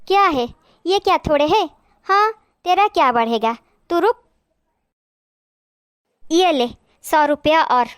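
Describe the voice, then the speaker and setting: A woman's voice: high-pitched, animated, slow, long pauses, no echo, studio quality. A woman voicing a blunt, stingy middle-aged aunt who talks in a scolding, dismissive way.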